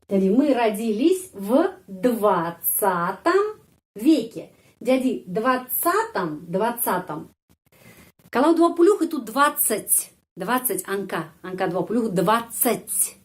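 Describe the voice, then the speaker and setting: A woman teaching a language lesson in a slow, unhurried voice that sits a little high. She repeats each example word several times with careful, drawn-out pronunciation. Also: big pitch swings. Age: adult.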